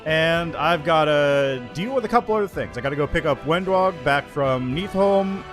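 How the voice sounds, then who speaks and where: Male streamer, headset mic, chatty and animated, pitch a bit high, faint game music behind. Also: normal speed. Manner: chatty, greets viewers and reads chat aloud. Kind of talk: casual livestream chat while gaming. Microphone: headset mic on a livestream.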